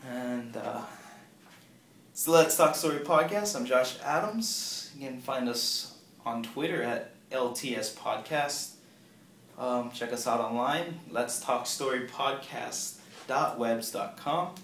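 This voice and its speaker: A young man hosting a casual sports podcast, easygoing and quick to laugh at himself. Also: medium pitch, gravelly, a bit bright. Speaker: podcast host. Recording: echoey room with faint ambient noise.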